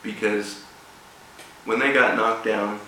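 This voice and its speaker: A man gives an informal motivational speech with a personal story, speaking haltingly in short broken phrases. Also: lowish voice, fairly even intonation, bright, forceful tone. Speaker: guest speaker at a rugby club event. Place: echoey room, speaking before an audience. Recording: echoey room, distant mic, faint noise.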